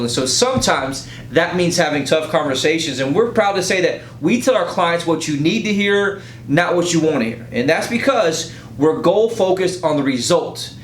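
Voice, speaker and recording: A male real estate agent delivers an informal, emphatic sales pitch meant to persuade, often checking in with a rhetorical "right?". The recording has a roomy echo and a faint low rumble.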